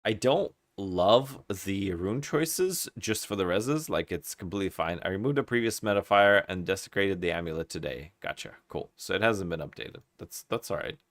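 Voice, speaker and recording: Chatting about gear on a live game stream, this man from Kazakhstan sounds animated, speaking at a normal pace with few pauses. The audio is dry, with barely any room in it, and his voice sits low. He tends to say a word twice while working through his thoughts.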